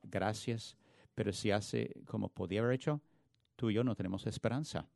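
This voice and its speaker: A man's voice: on the low side, moderate pace, vocal fry, a little mellow, dry recording, studio quality. A man preaching a sermon in an earnest, emphatic way, often restarting words mid-phrase. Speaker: pastor.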